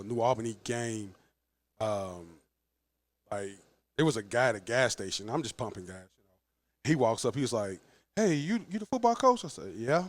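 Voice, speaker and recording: In a casual podcast interview, a head football coach in his forties tells stories animatedly and laughs often. His voice is mid-range, captured on a dry recording.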